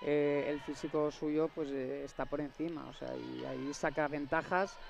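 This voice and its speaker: A woman giving live basketball analysis as color commentator, thoughtful and halting, with many fillers. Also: sits low, steady tone, gravelly, darkish tone.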